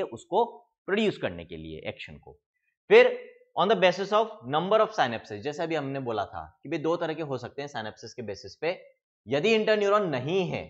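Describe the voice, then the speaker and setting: An Indian man teaching biology online, with lots of rise and fall in his voice as he walks through each idea step by step. He keeps asking the class questions and answering them himself. The sound is dull and lo-fi. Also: medium pitch. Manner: mixes English terms into Hindi speech, calls students kids. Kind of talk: online exam-prep lecture.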